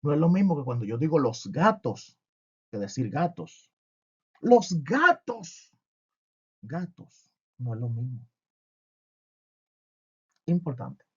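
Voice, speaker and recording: A man's voice: medium pitch, animated, a little slow, long pauses, darkish tone, slightly rough, dull audio. A man teaching a French lesson with humor, asking and answering his own questions.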